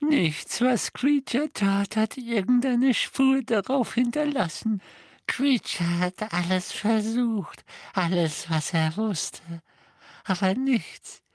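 Casting: woman doing a miserable, groveling old house-elf, high and very slow, dry close mic. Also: a little mellow, no room sound, heavily acted. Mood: despairing. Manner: slow, tearful, speaks of himself in third person. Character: wretched old male house-elf, servile and sobbing. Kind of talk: audiobook character voicing.

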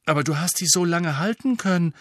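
Guy doing a clever earnest schoolgirl, higher voice, dry close audiobook sound. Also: fairly quick, no room sound, close to an everyday voice. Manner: earnest, careful questions. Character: clever teenage girl, earnest and careful. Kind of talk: audiobook character voice.

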